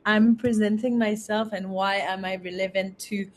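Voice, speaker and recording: A woman from France, a university representative, giving a webinar presentation with many pauses, fillers and restarts. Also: mid-range voice, steady tone, a little hiss or hum.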